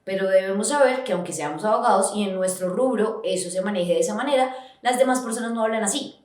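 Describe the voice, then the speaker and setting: A woman's voice: medium pitch, quick pace, a little mellow. A woman giving an educational podcast lesson on writing, explaining step by step with frequent restarts. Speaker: writing instructor. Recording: very echoey room.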